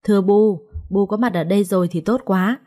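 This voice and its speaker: A woman's voice: mid-range voice, a little fast, mellow, close to an everyday voice. A woman storyteller voicing a spiteful, scheming elder daughter-in-law who talks down to others with sneering condescension.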